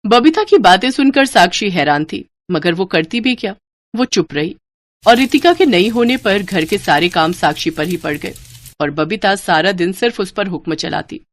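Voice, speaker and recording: Lady reading a cartoon moral story, steady and clear, normal middle pitch. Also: normal speed. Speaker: narrator. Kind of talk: scripted storybook narration.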